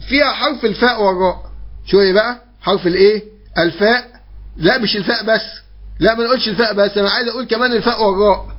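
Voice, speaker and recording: A man teaching an online Quran memorization lesson with an Egyptian Arabic accent. He asks questions and answers them himself, explaining patiently and repeating points with drawn-out fillers. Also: very high-pitched, muffled recording. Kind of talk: recorded online course lesson.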